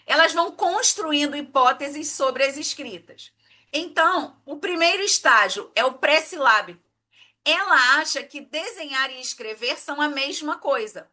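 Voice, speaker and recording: A woman's voice: high-pitched, lively intonation, normal speed, pushed and bright. A woman teaching an exam-prep lesson, explaining step by step and checking in with her students often.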